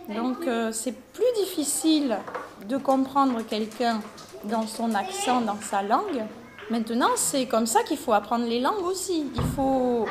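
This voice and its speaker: A woman teacher patiently answering schoolchildren's questions, explaining things simply with pauses. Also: high-pitched. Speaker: teacher running video calls with English pupils. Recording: noisy classroom with crowd chatter. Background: children chattering.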